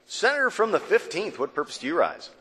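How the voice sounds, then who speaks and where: A man's voice: sits high, huge pitch swings, bright, forceful tone, breathy edge. A man presiding over a state senate floor session, calling on members and running votes in formal procedural language. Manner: brisk, formal parliamentary phrasing. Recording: reverberant legislative chamber.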